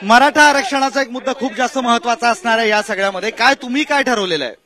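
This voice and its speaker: A man with a Marathi accent moderating a live street debate as a news anchor, prodding speakers with quick questions. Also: extremely high pitch, crowd noise.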